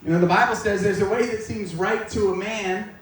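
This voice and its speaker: A man in his forties from Maine, United States, gives an informal personal testimony as a guest speaker at church, joking and poking fun at himself before a live gathering. His voice sits high, with fairly even intonation and a brisk pace. The large indoor room echoes, the mic is distant, and there is faint noise.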